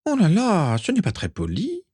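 Mimi Géniard, a man doing a squeaky ghost girl. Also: wildly swooping pitch, normal speed, darkish tone, husky, no room sound, studio quality, full character voice. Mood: indignant. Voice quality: squeaky, sing-song. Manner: prissy, easily offended. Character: whiny indignant ghost schoolgirl.

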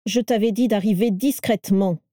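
A haughty, icy aristocrat speaks with quiet menace in a mellow, dark tone, read by a woman narrator. It sits close to the mic in a dry recording. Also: medium pitch, moderate pace, dry recording, lightly acted. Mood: cold. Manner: calm, cold and menacing. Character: cold, aristocratic older wizard, menacing and calm.

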